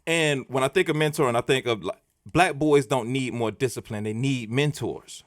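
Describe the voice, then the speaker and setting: A man's voice: mid-range voice, normal speed, no room sound, studio quality. A man with a South Florida accent co-hosting a podcast, joking and teasing in casual chat. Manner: joking, animated, teasing, laughs often. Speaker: podcast co-host.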